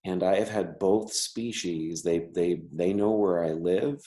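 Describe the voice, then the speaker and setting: A man's voice: low-pitched, a little slow, warm tone. A man who stutters, an artist and teacher talking casually in an interview, with many restarts and repeated words. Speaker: member artist.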